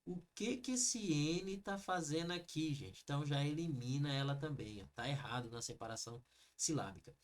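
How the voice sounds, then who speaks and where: A man's voice: on the high side, normal speed. A man with a Brazilian Portuguese accent teaching an online exam review lesson, explaining each answer step by step and talking straight to the viewers. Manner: lively, explains step by step, addresses viewers as "gente".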